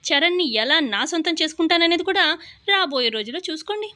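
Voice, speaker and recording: A woman's voice: very high-pitched, lively intonation, fast, bright, forceful tone, no room sound, voice pushed up, heavily acted. A woman voicing a defiant young daughter-in-law who taunts her mother-in-law. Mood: defiant taunting. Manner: taunting, challenging.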